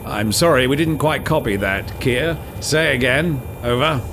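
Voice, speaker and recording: A man's voice: medium pitch, animated, a little slow. A man playing a fussy, apologetic air traffic controller who talks in formal radio protocol over a walkie-talkie. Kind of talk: comedy sketch radio chatter.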